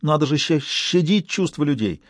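A man's voice: on the high side, expressive, normal speed, no room sound, clean studio sound, voice pushed up. Man voicing a hysterical young clerk. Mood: distraught. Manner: hysterical, pleading. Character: panicky young male bank clerk. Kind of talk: audiobook reading.

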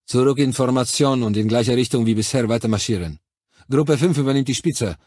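A man's voice: medium pitch, a little fast, darkish tone, breathy edge, no room sound, clean studio sound, pitched above the performer's own voice, lightly acted. A man reading a curt, order-barking sergeant. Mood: brusque. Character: brusque male sergeant commanding a squad.

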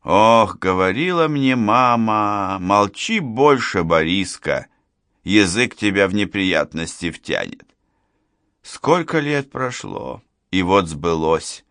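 A man's voice: low-pitched, lively intonation, measured pace, a bit bright, no room sound, clean studio sound. A man voicing a fretful, talkative retired postman, older and self-pitying, in an audiobook. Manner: plaintive, wordy, self-pitying.

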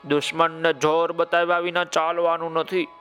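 A man's voice: a little high, flat delivery, normal speed, soft background music, close to an everyday voice. A man voicing a bold young male crow who urges the others to show strength, in a children's story. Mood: defiant. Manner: forceful, rallying.

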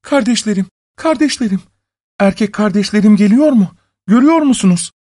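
A man voicing a frightened young wife who pleads in a high, tearful voice. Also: animated, moderate pace, warm tone, no echo, studio quality. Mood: pleading.

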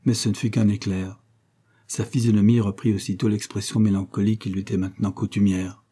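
A man reading an audiobook novel aloud in a measured, even storytelling manner. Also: on the low side, husky. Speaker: audiobook reader. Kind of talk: scripted narration.

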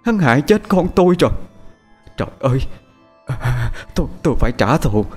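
A sobbing village mother's voice climbs into shrill, broken wails, as a man puts her on. Her pitch leaps far above his usual low tone. Her cries swing wildly in every phrase, and faint music plays underneath. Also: big pitch swings, normal speed, a little mellow, breathy edge. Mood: wailing grief. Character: grieving village mother, middle-aged woman, wailing.

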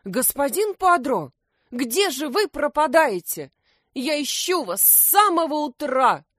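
A woman's voice: a little high, lively intonation, slow, no echo, studio quality, voice pushed up. Woman doing a whiny little hedgehog Lukum. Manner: whiny, complaining. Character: fussy tearful little male hedgehog.

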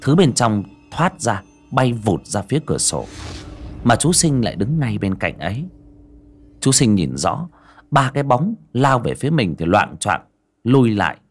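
A man narrating a story audiobook in an expressive storytelling manner. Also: mid-range voice, measured pace, soft background music.

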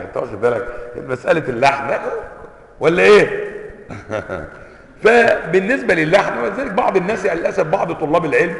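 Egyptian sheikh teaching, keeps tossing questions at the students, kinda high voice, roomy echo. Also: male voice, vocal fry. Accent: Egyptian Arabic. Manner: animated, peppers talk with rhetorical questions to students. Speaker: sheikh teaching hadith sciences. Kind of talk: classroom lecture. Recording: echoey hall reverb.

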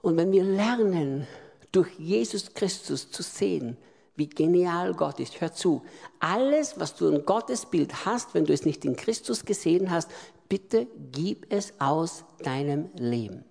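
A man preaching a sermon, emphatic and repetitive, with loud swells. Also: sits high, lively intonation, a little slow, gravelly. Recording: long reverb of a large hall.

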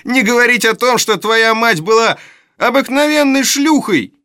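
A man voicing a spiteful, taunting older charity boy in a storybook reading, his voice jumping high and jeering. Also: moderate pace, pushed and bright, clean tone. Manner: jeering, shrill, then wailing for help.

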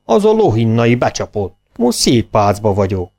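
A man voicing a grumbling, greedy, cowardly old male cook in a storybook, drawling slowly. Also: on the low side, sing-song, darkish tone.

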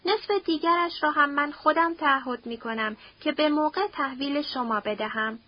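Woman doing a soft-spoken persuasive young man. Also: high-pitched, no echo, close to an everyday voice. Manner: measured, soft-spoken pleading. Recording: dull dry audiobook recording.

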